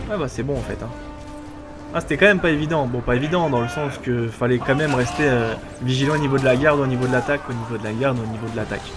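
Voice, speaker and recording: A man's voice: mid-range voice, quick pace. A man giving casual, explanatory video game commentary, often asking questions and answering them himself. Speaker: let's player. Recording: loud game music behind.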